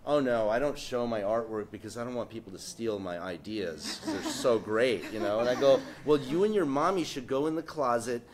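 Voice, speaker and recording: Speaking in a mid-range voice at a moderate pace with hardly any pauses, a panelist who works as a political cartoonist addresses an audience as crowd noise sounds in the event space. His casual talk wanders, riddled with fillers and restarts, and he jokes a lot.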